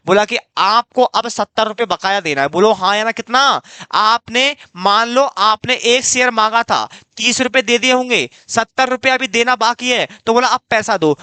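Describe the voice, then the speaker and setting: A man's voice: sits high, sharp tone, clean tone, no echo. A man teaching an accounting class, coaxing and repetitive, quizzing his students and calling them dear. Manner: coaxing, repeats himself, quizzes students, calls them "beta". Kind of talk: classroom lecture.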